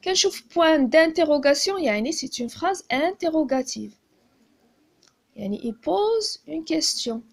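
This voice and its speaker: Moroccan lady teacher, high voice, goes slow n repeats the key words. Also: lively intonation, vocal fry. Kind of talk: classroom-style grammar lesson.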